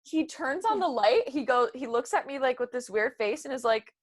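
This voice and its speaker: A young woman with a fairly high voice tells a story on a podcast in a casual, chatty way. She acts out what people said with sudden leaps up in her voice. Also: normal speed, a little hiss or hum. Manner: animated, acts out quotes with big pitch jumps. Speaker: podcast co-host.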